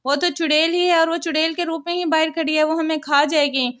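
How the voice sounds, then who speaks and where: A woman's voice: high voice, flat delivery, a little fast, a bit bright. A woman voicing a frightened, protective young wife and mother in a cartoon story. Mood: frantic.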